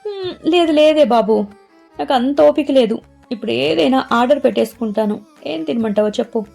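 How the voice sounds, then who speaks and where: A woman's voice: high-pitched, brisk, gravelly, a little mellow, soft background music, pitched above the performer's own voice. A woman voicing a teasing, coaxing young man who playfully soothes his girlfriend.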